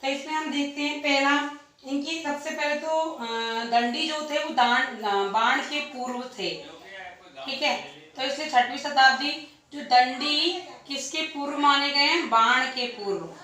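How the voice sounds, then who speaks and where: A woman's voice: sits high, unhurried, bright, forceful tone. A woman teaching an exam-prep lecture, posing questions to the class and answering them herself, repeating key points. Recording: echoey room, distant mic.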